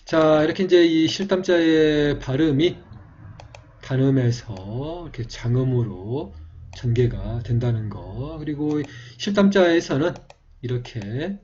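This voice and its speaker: A man teaching how to write letters of an old script, explaining slowly and drawing out vowel sounds to demonstrate them. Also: mid-range voice, lively intonation, darkish tone. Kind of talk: calligraphy lesson. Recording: dull lo-fi recording.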